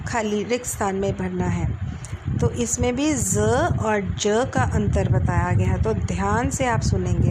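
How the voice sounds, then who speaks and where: Woman schoolteacher, unhurried lesson delivery, drawn-out sounds, noisy recording with vehicles passing. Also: mid-range voice. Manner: slow, drawn-out sounding of letters and words. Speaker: school teacher. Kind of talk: recorded Hindi language lesson for children. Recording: clear background noise with passing vehicles.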